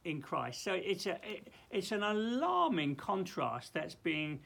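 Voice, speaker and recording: A man preaching informally in a loft, teaching from the Bible in a halting, exclamatory way and repeating himself as he goes. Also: high voice, sing-song, gravelly, fairly bright tone, slightly rough.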